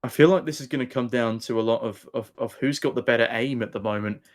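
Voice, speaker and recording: A man's voice: medium pitch, fast. A man giving analytical live esports commentary, with wordy and emphatic phrasing.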